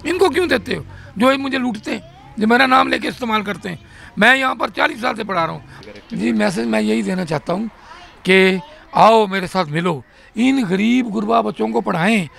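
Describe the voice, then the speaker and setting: A man's voice: high voice, lively intonation, moderate pace, vocal fry, fairly bright tone. An older man from Pakistan with an Urdu accent, a volunteer teacher speaking in an earnest, impassioned interview, repeating his appeals. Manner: impassioned, pleading, repetitive appeals. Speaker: volunteer teacher of slum children. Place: outdoors at an open-air school.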